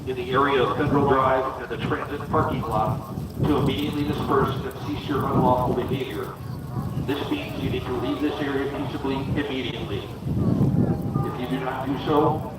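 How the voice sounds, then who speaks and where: Male police officer, stiff formal order read through a loudspeaker sound cannon, distant and echoing. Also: mid-range voice. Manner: stiff, commanding, formal delivery. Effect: blasted through a police loudspeaker sound cannon. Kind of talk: reading a formal dispersal order. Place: outdoors at a street protest. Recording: echoey loudspeaker from far off with loud outdoor noise.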